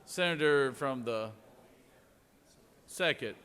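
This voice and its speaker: A man chairs a legislative session in a bright, forceful voice. He recites formal procedure in an informal way, stretching some phrases. The large chamber adds long reverberation. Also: mid-range voice, slow, smooth. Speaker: legislative presiding officer. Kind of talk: formal parliamentary procedure with offhand asides. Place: large indoor Senate chamber.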